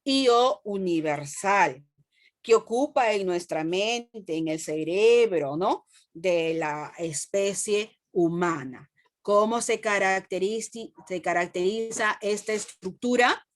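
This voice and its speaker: A woman with a Peruvian Spanish accent teaching a class, asking the students questions and repeating phrases slowly. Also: mid-range voice. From Peru. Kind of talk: classroom lesson.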